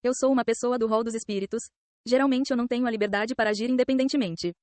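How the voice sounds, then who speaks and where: A woman with a Brazilian Portuguese accent reading a gentle young woman's lines in a soft, lowered voice. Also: steady tone, fast, no echo, close to an everyday voice. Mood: apologetic.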